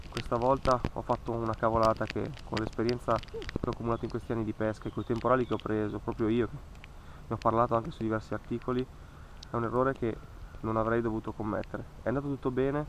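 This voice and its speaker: Against a noisy background, a fishing vlogger in his thirties speaks in a mid-range voice. He reflects in voice-over by a lake surrounded by trees, earnest and cautionary, leaning on repeated words for emphasis.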